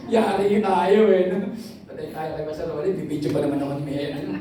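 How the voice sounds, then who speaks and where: A woman preaches in a lively storytelling way and often mimics the people in her stories. Her voice comes from a distance and rings around a large, very echoey hall. A faint hum of ambient noise sits underneath. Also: lowish voice, fast talker. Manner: lively storytelling, imitates others, frequent fillers. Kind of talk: sermon mixing Tagalog and English.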